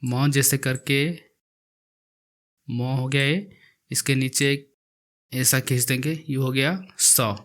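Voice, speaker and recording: A man's voice: mid-range voice, level tone, fairly bright tone. A man teaching an alphabet lesson, saying each letter twice and explaining how to write it. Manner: repeats each letter slowly while writing it. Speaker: language teacher. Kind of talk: slow alphabet lesson with repetition.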